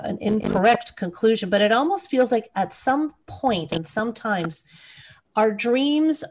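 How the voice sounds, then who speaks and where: A woman's voice: medium pitch, rough recording. A woman hosting a radio talk show, asking her guest questions in thoughtful, searching phrases. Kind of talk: radio interview.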